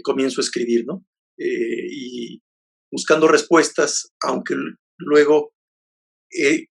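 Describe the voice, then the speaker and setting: A Mexican man in his fifties, a poet and novelist, talking reflectively in an interview with many pauses, fillers and restarts. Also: mid-range voice, gravelly, husky. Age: 50s.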